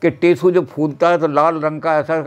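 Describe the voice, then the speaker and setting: Smooth-voiced man explaining folk songs. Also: a little high, level tone. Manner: quick, flowing explanations. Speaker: guest folk music expert.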